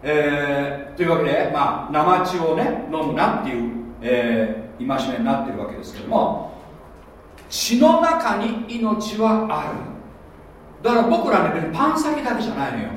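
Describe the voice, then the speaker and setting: A man preaching a sermon as pastor, animated and often checking that listeners follow along. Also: on the high side, a little fast, slight background noise. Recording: echoey hall, voice from a distance.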